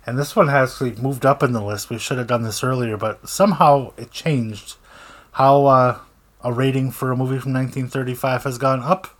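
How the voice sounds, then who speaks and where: A man's voice: medium pitch, steady tone, fairly quick. A man co-hosting a casual podcast, reading out film details with dry jokes. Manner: dry joking, reads out movie details. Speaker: podcast co-host. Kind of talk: casual chat.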